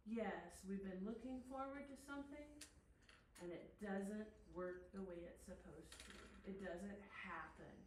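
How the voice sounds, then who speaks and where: A woman's voice: mid-range voice, measured pace, slight background noise. Echoey distant woman leading a workshop. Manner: engaging, asks the audience often. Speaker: parent workshop presenter. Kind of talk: interactive workshop talk.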